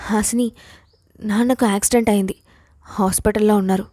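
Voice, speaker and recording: A woman's voice: medium pitch, steady tone, a little fast, warm tone, dry recording, studio quality, natural voice. A woman voicing a jealous, vengeful young woman in an audio story, with bitter, scheming speech. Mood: pleading.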